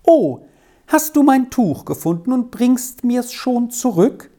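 A narrator voicing an eager, talkative little girl who plays the piano, with a raised, lively voice. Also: mid-range voice, voice pushed up. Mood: delighted. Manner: bright, talkative, quick to explain. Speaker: child musician.

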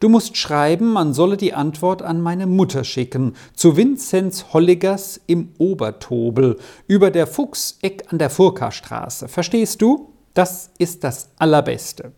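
A storybook reader voicing a kindly, cheerful adult male alpine herdsman who reassures gently. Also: medium pitch, expressive, unhurried, hardly any pauses. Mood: eager. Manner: warm reassuring, gently persuasive. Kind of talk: storybook reading.

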